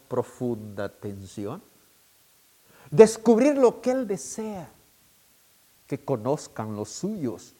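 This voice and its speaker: Slow, emphatic preacher man, high and lively. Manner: emphatic, repeats key points slowly to the congregation. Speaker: pastor. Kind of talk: sermon.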